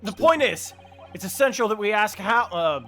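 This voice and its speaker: A man's voice: sits high, lively intonation, normal speed, bright, forceful tone, faint music behind, voice pushed up, full character voice. A man playing an earnest defendant arguing his case in a courtroom game, emphatic and determined.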